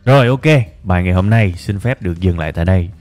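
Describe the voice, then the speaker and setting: A man's voice: sits low, fast, a little mellow, soft background music. A man, teaching an English listening method in an emphatic, coaxing way, speaking straight to viewers. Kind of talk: lively motivational lesson.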